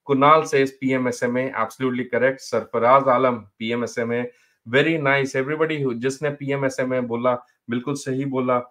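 Fast-talking North Indian male teacher. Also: medium pitch, steady tone, fairly bright tone. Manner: encouraging, addresses students by name, often repeats phrases. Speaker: medical exam teacher. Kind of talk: live online exam-review lecture, mixing English and Hindi.

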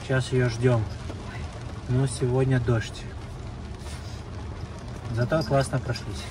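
A man's voice: medium pitch, level tone, takes it slowly. Man vlogging on a windy desert hike. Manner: chatty, narrating to camera while walking. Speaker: family vlogger. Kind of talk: casual hiking vlog. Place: outdoors in a windy desert canyon. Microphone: camera held at arm's length. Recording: wind and outdoor noise behind.

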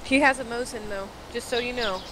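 A woman's voice: on the high side, brisk. Anxious woman on noisy game chat. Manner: anxious, spotting and calling out directions. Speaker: game player. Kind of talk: gameplay voice chat. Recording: voice chat with loud noise.

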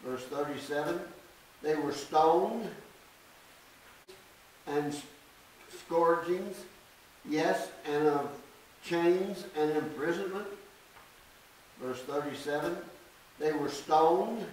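Older male preacher, slow deliberate delivery, fairly high voice, echoey church picked up from afar. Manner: slow, deliberate scripture reading with emphatic stresses. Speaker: pastor. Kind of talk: sermon. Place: small church sanctuary. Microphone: podium mic from a distance. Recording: echoey church, distant mic, faint hiss.

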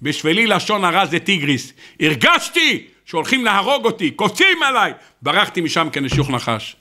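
A rabbi delivering a sermon, an animated storyteller who talks straight to his listeners. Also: high voice. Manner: animated storyteller, acts out the people in his stories; addresses the audience directly. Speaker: rabbi giving a weekly Torah talk.

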